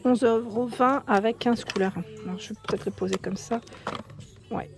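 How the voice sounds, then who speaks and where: A woman's voice: on the high side, steady tone, moderate pace, creaky, soft background music. A woman with a French accent walks through a shop filming a vlog, reading out prices and chatting as she looks at products. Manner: chatty, reads prices aloud, thinks out loud. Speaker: shopping haul vlogger. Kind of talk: casual store walkthrough vlog. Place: indoors in a shop under ceiling spotlights.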